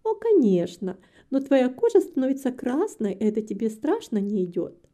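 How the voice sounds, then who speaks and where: A woman's voice: on the high side, very animated, moderate pace, warm tone. A woman doing carefree rich young lady Kitty. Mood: teasing. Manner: chatty, teasing.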